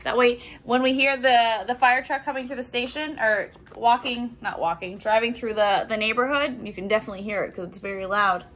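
A young woman with a fairly high pitch moves briskly through a picture book for children, barely pausing. She animates it with performed sound effects and exclamations and slips in simple explanations.

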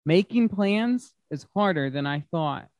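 At children's story time in a large glass-walled library room, a male guest reader gives an expressive, unhurried picture-book read-aloud with simple, emphatic phrasing for young listeners. His voice sits high and is a little mellow. The sound is dry, with little room echo.

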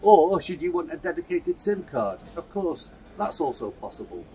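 His voice is dark and sing-song, at normal speed: a man in his fifties demonstrating a product kit at a trade show stand. He handles the kit while giving an upbeat sales pitch to a close phone camera, with obvious background noise from the floor around him.

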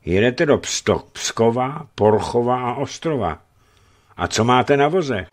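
A male narrator voicing a sleepy gatekeeper with a hoarse, rough voice, grumpy and suspicious. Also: medium pitch, expressive, pitched above the performer's own voice, natural voice. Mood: gruff.

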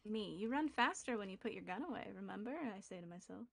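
A woman's voice: mid-range voice, fast, vocal fry. Playful young woman streaming a game. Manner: playful, excitable commentary. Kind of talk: livestream gaming chat.

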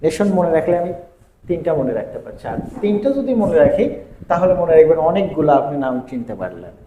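A man teaching English grammar in a video lesson, going through word lists in a steady, repetitive rhythm. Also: fairly high pitch, fast talker. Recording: echoey room with faint ambient noise.

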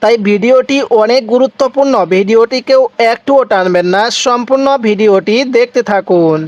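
A man teaching Quran recitation to Bangladeshi listeners, repeating each word slowly and asking them to recite along. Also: very high-pitched, darkish tone, highs cut off. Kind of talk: slow step-by-step recitation lesson.

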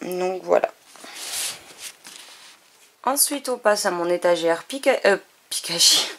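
A woman's voice: fairly low pitch, animated, takes it slowly, fairly bright tone, a little hiss or hum. Chatty French-speaking woman touring her bookshelf. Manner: chatty listing with frequent self-corrections. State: short on sleep. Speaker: book vlogger. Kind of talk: casual bookshelf tour chat.

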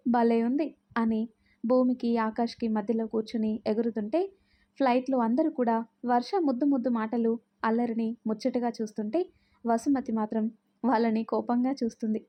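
Mellow female storyteller. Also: fairly high pitch. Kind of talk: storybook narration.

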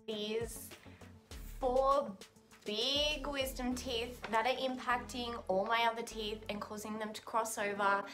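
A woman's voice: on the high side, fairly even intonation, takes it slowly, a bit bright, soft background music. Young woman chatting to camera. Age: 20s. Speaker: vlogger. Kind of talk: casual vlog talk to camera.

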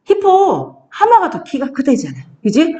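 A woman tutoring a child one-on-one, coaxing the child along and reading sentences out slowly before explaining them. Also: sits high, huge pitch swings, dark tone, dull audio.

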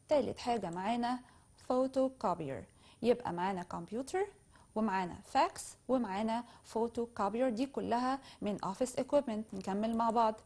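A woman with an Egyptian Arabic accent teaching English vocabulary, speaking slowly and carefully when she models the English phrases and more quickly when she explains them. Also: on the high side, a little mellow, husky. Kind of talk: classroom lesson explaining vocabulary.

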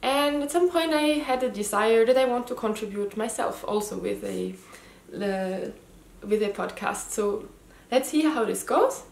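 In an echoey living room, a native German-speaking woman in her thirties with a faint Austrian German accent launches her first knitting video podcast, chatting casually to camera. Her fairly high voice is expressive and unhurried with few pauses, though she's hesitant and says um and restarts often. It's shot head and shoulders on a camera mic.

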